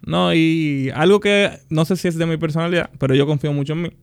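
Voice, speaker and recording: A young man, a podcast guest, telling his story in a relaxed, animated and joking way. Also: fairly high pitch, fast talker, vocal fry, smooth. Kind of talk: casual interview conversation.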